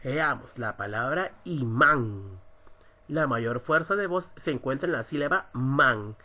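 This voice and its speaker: A man teaching an online writing class, slowly stressing syllables as he explains. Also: medium pitch, animated, sharp tone. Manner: slow, emphatic, stresses syllables. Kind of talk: recorded online lesson.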